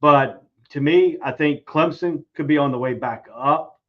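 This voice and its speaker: A man's voice: on the high side, unhurried. A man giving casual sports analysis as a guest, repeating and restarting his phrases. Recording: dull lo-fi audio.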